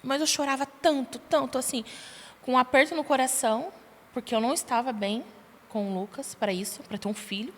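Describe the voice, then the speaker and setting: A young adult woman, a podcast guest, tells her personal testimony in a lively way and acts out the dialogue she quotes. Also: sits high, brisk. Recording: long reverb, faint background noise.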